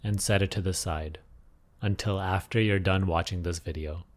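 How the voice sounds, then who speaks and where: With a low voice and fairly even intonation, a man teaches an unscripted meditation session. He offers calm, leisurely instructions, pausing and repeating phrases.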